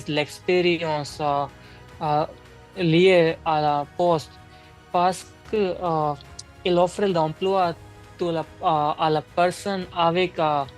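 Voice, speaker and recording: A woman candidate in a speaking exam role-play, speaking a second language. She talks slowly and a little low, stopping often to search for words and restarting her sentences. Faint music plays behind her. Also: darkish tone, rough recording. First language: not French. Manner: halting, many fillers and restarts.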